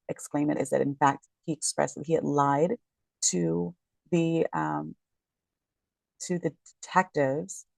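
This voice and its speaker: Late at night at home, a real estate agent who also comments on law chats casually about a court case, her voice tired and worn as she rambles, self-corrects and apologizes. She sounds lowish, creaky and dark, with no room sound but poor audio quality.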